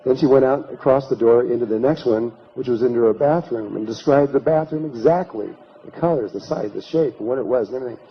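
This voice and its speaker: A man's voice: mid-range voice, fast talker, hardly any pauses, husky. A man lecturing at a conference, telling a long anecdote in a rambling way and acting out the quoted lines. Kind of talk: storytelling lecture. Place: conference hall. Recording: dull lo-fi conference recording.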